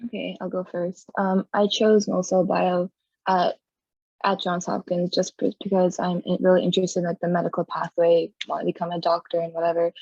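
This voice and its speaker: A young woman from Toronto speaks in a low, flat voice that rarely rises or falls. She rambles casually, filling her speech with likes and whatevers. The lo-fi call audio sounds dull and dry. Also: fairly quick, creaky, dry recording. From Toronto, Canada. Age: young adult. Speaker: university student panelist. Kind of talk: casual panel talk on a video call.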